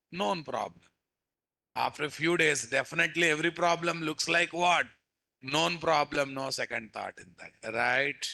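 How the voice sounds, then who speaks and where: Leading a live coding class, a man with a Telugu Indian accent repeats himself and quizzes his students. His voice sits on the high side, gravelly with a sharp tone.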